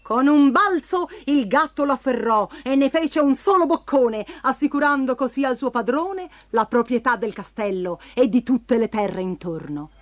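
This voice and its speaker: A woman reading a fairy tale aloud in an animated, sing-song storytelling manner. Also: high voice, moderate pace, hardly any pauses, no echo.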